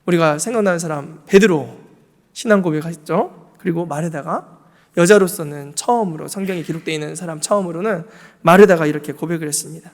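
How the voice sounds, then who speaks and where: Pastor guy giving a sermon, high-pitched, big reverb in the church. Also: fairly quick. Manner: emphatic preaching, asks the congregation questions. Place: church sanctuary.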